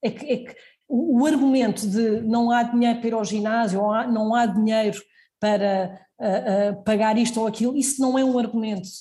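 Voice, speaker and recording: Earnest Portuguese woman doctor, mellow voice. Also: on the high side, steady tone, brisk. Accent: European Portuguese. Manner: earnest, advising, many restarts. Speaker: doctor guest. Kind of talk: casual interview answers.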